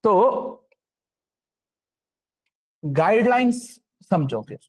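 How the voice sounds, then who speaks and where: A man's voice: sits high, very animated. A man giving a programming lecture, often stopping to ask if the class understands. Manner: keeps checking understanding with quick questions. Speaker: programming instructor.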